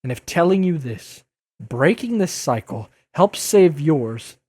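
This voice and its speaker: A man playing a youthful, earnest masked superhero in an audio drama, speaking with emotional, imploring and halting delivery. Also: a little high, sing-song, darkish tone, husky, no room sound, full character voice. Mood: earnest, solemn. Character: youthful earnest masked superhero, joking but pleading and wounded.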